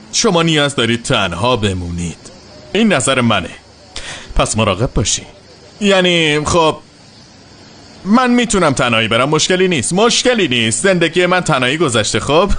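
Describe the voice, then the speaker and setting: A man's voice: mid-range voice, a bit bright, a little hiss or hum, natural voice. An actor playing a friendly, joking young man in a dubbed TV drama. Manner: friendly, joking, laughs often. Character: cheerful easygoing young man, polite.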